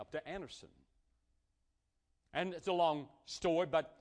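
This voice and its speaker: A male pastor preaching a sermon, telling a personal story and stretching out key phrases for emphasis. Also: on the high side.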